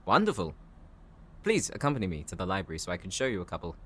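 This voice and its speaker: A man playing a calm, bookish professor in an audio roleplay, speaking politely and formally. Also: deep voice, fast, a little hiss or hum, exaggerated voice. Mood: courteous, helpful. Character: courteous, bookish male professor, calm and considerate. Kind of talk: scripted audio roleplay addressed to the listener.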